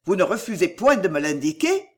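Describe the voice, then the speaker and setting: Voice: mid-range voice, big pitch swings, brisk, close to an everyday voice. The reader as an ardent pleading young man. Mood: earnest. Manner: earnest and imploring. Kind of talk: audiobook reading of a classic novel.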